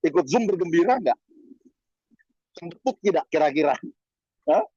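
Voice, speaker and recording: Husky, animated man preaching. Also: normal speed, no echo, highs cut off. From Indonesia. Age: 50s. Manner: lively, swings pitch up for emphasis, chatty asides. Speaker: pastor. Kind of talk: sermon over video call.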